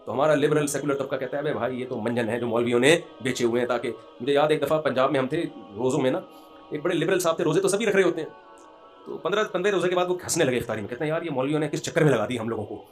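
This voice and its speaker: A middle-aged man with a Pakistani Urdu accent giving a religious sermon, telling jokes and laughing at them, and reciting scripture slowly. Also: fairly high pitch. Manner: storytelling with humor, laughs at own jokes. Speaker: preacher.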